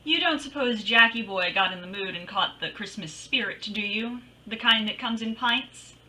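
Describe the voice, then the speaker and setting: A woman's voice: medium pitch, normal speed, sharp tone, natural voice, poor audio. A woman playing a breezy, wisecracking private detective in an old-time radio drama, with a sassy, slangy delivery. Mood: wry, teasing.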